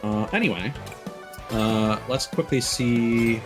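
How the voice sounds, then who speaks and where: A man talks slowly in a mid-range voice as he streams a game, rambling, drifting off on tangents and dropping casual swear words. Video game music can be heard behind his voice.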